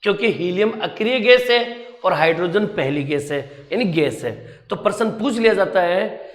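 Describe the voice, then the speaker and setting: A man's voice: high-pitched, animated, moderate pace, reverberant. A male teacher giving an exam-prep lecture, repeating key facts and quizzing his students. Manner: repetitive drilling, quizzing the students; addresses students as beta ji.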